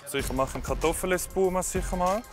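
Man, twenties, chef, casual chat, higher pitch, music. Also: fast talker. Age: 20s. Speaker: chef and contestant.

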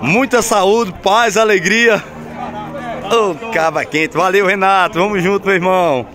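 A chatty man with a Northeastern Brazilian accent, speaking in a fairly high voice while he walks through an open-air cattle market. He keeps up an upbeat, friendly patter with sellers and viewers. A loud, busy crowd murmurs all around him. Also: measured pace. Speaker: vlogger touring a cattle market. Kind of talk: casual walk-around vlog with interviews. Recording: loud crowd noise outdoors.

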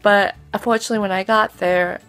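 A young woman with a medium-pitched, slightly bright voice talks fairly quickly and in a steady tone, with faint music behind her. Filming a casual haul vlog close up on her phone at arm's length in her bedroom, she keeps it chatty and upbeat and says "um" often.

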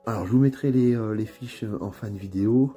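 Easygoing man with a northern French accent. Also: lowish voice. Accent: northern French (Ch'ti). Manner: relaxed, chatty, many fillers and pauses. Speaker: miniatures hobby YouTuber. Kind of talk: casual unboxing video. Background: faint background music.

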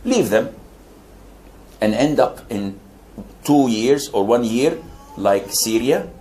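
A man's voice: mid-range voice, takes it slowly, faint music behind. An older Saudi man answering audience questions as an Islamic preacher, speaking animatedly. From Saudi Arabia. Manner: animated, gestures widely with both hands. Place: indoor study room. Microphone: lapel mic.

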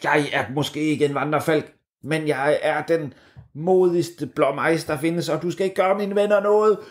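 A man voicing a brave little blue tit bird in a children's storybook tale, speaking boldly and excitedly. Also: on the high side, voice pushed up, lightly acted. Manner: bold, excited.

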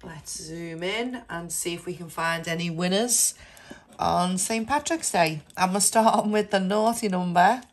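In a lowish, unhurried voice, a congested woman with a cold casually talks through a scratch card video, announcing each number and letter she reveals on the lottery cards.

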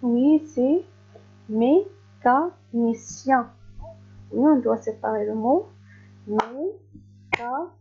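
Female primary teacher for a recorded reading lesson, stretched-out words, mellow tone, dull lo-fi recording. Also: on the high side. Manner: slow, clearly stretched words, patient.

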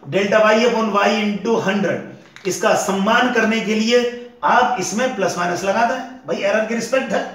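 Male tutor, high pitch, rhythmic step-by-step lecturing, distant mic in a reverberant classroom. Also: fairly bright tone. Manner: rhythmic, repeats formulas step by step, tells students to breathe deeply. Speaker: physics teacher. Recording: echoey room, voice from far off.

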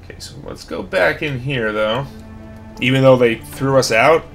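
A man's voice: medium pitch, moderate pace, vocal fry, faint music behind. A man giving casual gameplay commentary, thinking aloud and rambling with fillers. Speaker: let's play host.

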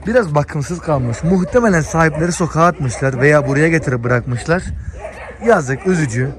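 A man vlogging casually as he walks through an animal shelter, talking straight to his viewers and calming the dogs along the way. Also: fairly high pitch, moderate pace, a crowd in the background. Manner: chatty, addresses viewers directly, talks gently to dogs. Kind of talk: casual walk-and-talk vlog. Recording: noisy outdoor phone video with dogs. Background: dogs barking.

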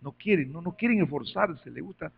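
A man preaching in a church, his voice pitched a little high with a gravelly edge. He tells stories in low asides, then climbs to loud calls for praise. The recording is muffled and lo-fi. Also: lively intonation, brisk. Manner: storytelling, swings from quiet asides to shouted praise calls. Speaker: pastor. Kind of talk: sermon.

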